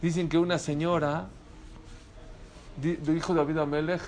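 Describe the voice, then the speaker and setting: A man's voice: on the high side, flat delivery, normal speed, a little mellow, a little hiss or hum. A man preaching a sermon as a rabbi, telling stories and asking rhetorical questions with animation.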